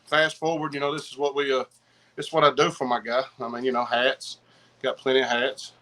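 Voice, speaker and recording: A middle-aged man with a Southern US accent chatting casually as a podcast guest, rambling in slang and repeating himself excitedly. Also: mid-range voice, a little fast. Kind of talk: casual chat, rambling anecdotes.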